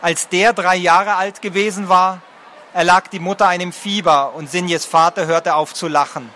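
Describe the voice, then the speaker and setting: A man reading a fantasy novel aloud as narrator, in a measured and expressive way. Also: sits high, slight background noise. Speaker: audiobook narrator.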